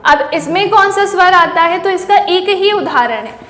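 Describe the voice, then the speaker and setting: High-pitched woman teaching in an echoey room. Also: lively intonation, normal speed, pushed and bright. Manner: asks questions and answers them herself. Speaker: Hindi teacher. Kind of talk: classroom-style grammar lesson. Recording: echoey room with long reverb.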